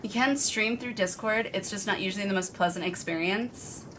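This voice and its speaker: A woman's voice: mid-range voice, normal speed, background noise. A woman live streamer chatting casually with her viewers in an informal, rambling, self-deprecating way. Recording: music behind the voice. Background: background music.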